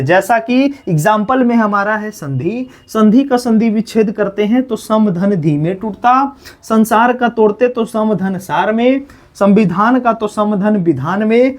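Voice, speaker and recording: A male teacher giving an exam-prep grammar lesson. He asks questions and answers them himself, repeating the key words. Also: sits high.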